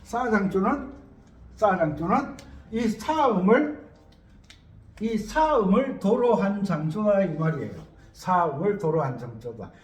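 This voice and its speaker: A man's voice: high voice, lively intonation, measured pace, darkish tone, roomy sound. A man teaching a music theory lesson, repeating key words and asking rhetorical questions.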